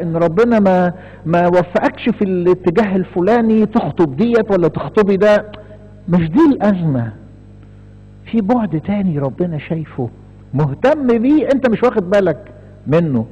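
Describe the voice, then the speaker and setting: A husky-voiced Egyptian priest delivers a sermon with a high, lively, rising and falling pitch. He moves from emphatic, pressing lines to soft pleading asides. The sound is dull and carries a long church echo. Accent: Egyptian Arabic. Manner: impassioned, swings from emphatic rises to hushed pleading asides. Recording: dull, echoey church recording.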